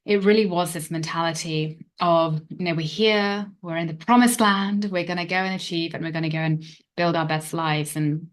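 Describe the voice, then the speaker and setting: Lady in her 30s, low voice, reflective, lots of "kind of" and "like". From England. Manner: reflective, hedging with many fillers. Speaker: relationship coach. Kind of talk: personal story monologue.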